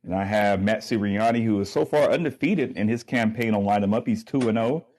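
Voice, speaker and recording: A man's voice: lowish voice, a little fast, darkish tone. A man hosting and moderating a sports debate show, easygoing and full of ums. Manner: easygoing, filler-heavy moderator.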